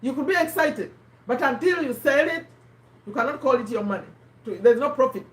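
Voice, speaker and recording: A woman's voice: high-pitched, fairly quick, recorded from a distance. Woman explaining in an echoey room. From Uganda. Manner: conversational, quizzes listeners, frequent restarts. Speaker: host of a live book discussion. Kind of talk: casual explanatory talk.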